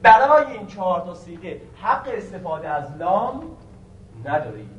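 A man teaching a grammar lesson, quizzing the students with questions and slowly stretching out key words. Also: high voice, big pitch swings, recorded from a distance, slight background noise. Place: classroom. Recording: echoey room recorded from afar.

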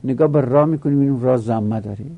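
A man teaching a grammar lesson, explaining slowly and repeating each step while asking questions. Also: medium pitch, vocal fry, narrow, tinny audio.

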